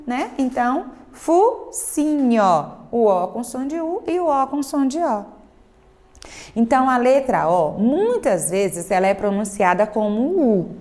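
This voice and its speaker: A woman giving a remote grammar lesson to children, drawing out example words slowly and checking in with tag questions. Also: on the high side, darkish tone. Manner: slow, exaggerated modeling of pronunciations; frequent tag questions to the class. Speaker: teacher.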